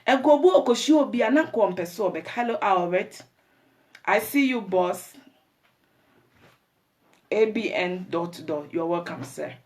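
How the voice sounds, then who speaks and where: A woman's voice: mid-range voice, lively intonation, a little slow, long pauses. Chatty Ghanaian woman hosting a live show. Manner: chatty, greets viewers by name, mixes in Twi; preachy advice to women. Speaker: talk show host. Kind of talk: live show chat with viewers.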